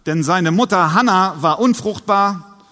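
A man's voice: high voice, unhurried, pushed and bright, long reverb tail. A man preaching a sermon, retelling a story and acting out the voices of its figures.

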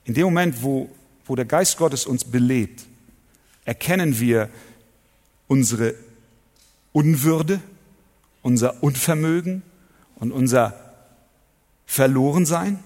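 Male preacher, husky mid-range voice, emphatic sermon delivery with loud and soft swings, church hall reverb. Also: medium pitch, slow, long pauses. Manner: emphatic, asks rhetorical questions and swings between loud and soft.

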